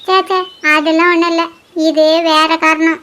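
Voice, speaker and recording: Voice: extremely high pitch, flat delivery, moderate pace, sharp tone. Someone voicing a fretful young village girl. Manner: explaining, fretful.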